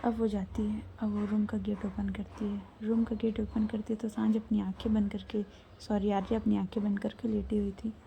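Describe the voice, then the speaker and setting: A woman narrating a serialized love story in a soft, often half-whispered manner. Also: mid-range voice, level tone, normal speed, gravelly, slight background noise, low-quality recording.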